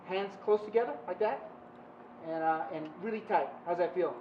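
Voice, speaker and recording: Male instructor, high voice, clipped commanding delivery for hands-on gear training; recorded far from the mic outdoors. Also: normal speed, roomy sound. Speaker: fast rope instructor demonstrating rescue gear. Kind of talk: instructional demonstration with shouted commands. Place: open steel training tower, outdoors. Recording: distant muffled mic, clear outdoor noise.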